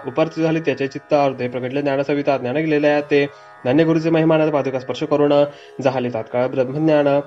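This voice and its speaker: Man, devotional scripture reader: flat, dark delivery over faint music, lo-fi dull sound. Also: fairly high pitch.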